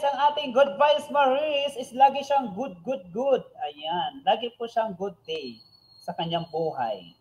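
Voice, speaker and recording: A woman with a Filipino accent hosting a game live stream, chatting casually and teasing as she gives viewers shoutouts. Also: a little high, a little hiss or hum, rough recording.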